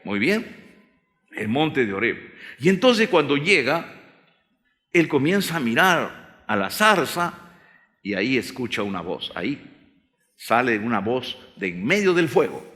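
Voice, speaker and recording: A man's voice: medium pitch, fairly bright tone. A man teaching a Bible story lesson, telling the story and asking the audience questions. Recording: long hall reverb.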